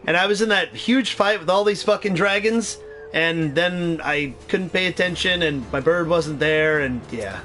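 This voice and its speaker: Excitable, swearing young man streaming a game. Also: fairly high pitch, normal speed. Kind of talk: casual gaming commentary.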